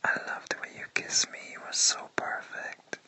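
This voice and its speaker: A man speaking in a slow, breathy whisper, murmuring intimately to a listener as in a roleplay recording. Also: bright, forceful tone, poor audio.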